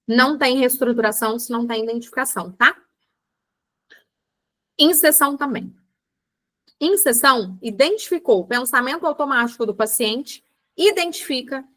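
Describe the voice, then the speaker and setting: Her voice is high with a fairly bright tone: a Brazilian psychologist giving a chatty online lecture for a book club class. Speaking with a Brazilian Portuguese accent, she addresses the audience directly as "gente" and acts out everyday examples.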